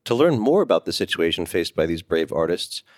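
Low-pitched man, dry studio sound. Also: sing-song, brisk, no room sound. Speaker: podcast host. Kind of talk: scripted podcast introduction.

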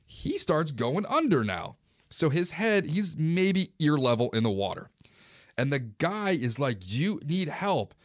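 A man in his forties, a fishing vlogger, casually recounting a day on the river in a relaxed, conversational way. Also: fairly high pitch, measured pace, no room sound, studio quality. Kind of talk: casual first-person storytelling.

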